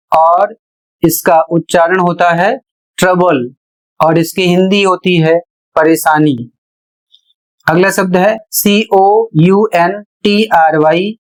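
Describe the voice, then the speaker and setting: Slow, deliberate male teacher. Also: high-pitched. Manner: slow and deliberate, spells words letter by letter. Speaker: English teacher. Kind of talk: explaining spelling and pronunciation lesson.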